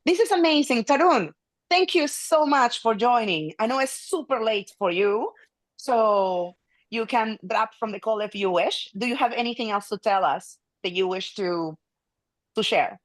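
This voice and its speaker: A woman's voice: a little high, expressive, a little slow, dry recording, poor audio. A woman whose first language is Spanish, hosting an online meeting in a friendly, hesitant way with many restarts. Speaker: meeting host. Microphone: video call.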